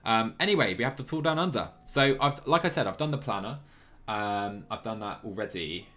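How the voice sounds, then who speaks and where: Background music plays while a streamer works through a cycling management game, talking in a casual, slightly apologetic way as he reasons aloud. He speaks fairly quickly, his low voice a bit bright with lively intonation.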